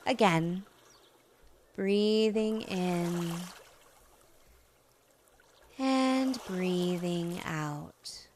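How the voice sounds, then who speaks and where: A woman with a fairly low voice, a hypnotist hosting a guided relaxation, narrates slowly and soothingly. She's gentle and unhurried, leaving long pauses, with slight background noise present.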